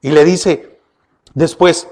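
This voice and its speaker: Man, pastor, sermon, high-pitched, rhetorical questions, emphatic then hushed. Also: fairly even intonation, takes it slowly. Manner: preaching with repeated rhetorical questions to the congregation; often addresses listeners with "oiga" and "¿verdad?".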